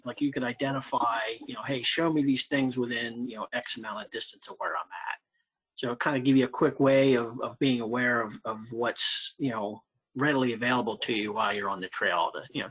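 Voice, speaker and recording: A man's voice: medium pitch, a bit bright, rough recording. A man giving a casual, rambling report at an online planning meeting, full of ums and restarts. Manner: rambling, many fillers and restarts. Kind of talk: casual meeting report while screen sharing.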